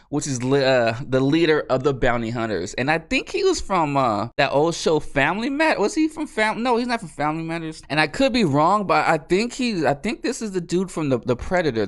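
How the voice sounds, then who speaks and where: A young man talking casually through a show recap, his voice sitting at an ordinary middle pitch. He is excitable and rambling, drops in slang and trips over his own sentences. It sounds like a relaxed, chatty fan review.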